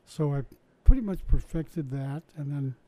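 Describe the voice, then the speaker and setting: The recording is low quality, capturing a slightly high, mellow male voice at a measured pace. An older man, interviewed casually, reminisces about running science shows in a chatty, wry way, with frequent restarts.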